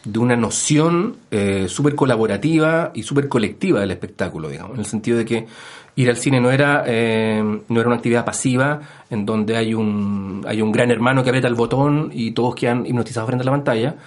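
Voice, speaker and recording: Chilean male historian guest, radio interview, unhurried explainer, lots of "eh" and "¿no?", mid-pitched voice. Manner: explanatory, many fillers and hedging tags. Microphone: studio microphone.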